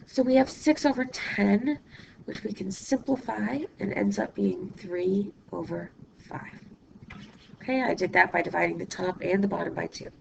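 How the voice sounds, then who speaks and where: A math teacher, hoarse and gravelly because illness is taking her voice, gives a recorded classroom lesson in a mid-range voice over background noise. She explains patiently step by step, asking "okay?", and pauses mid-sentence as she writes while talking.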